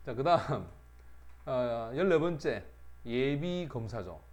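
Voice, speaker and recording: A man's voice: mid-range voice, animated, takes it slowly, a little mellow. A middle-aged man giving an exam-prep English vocabulary lecture, often checking with his students through tag questions. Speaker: English teacher.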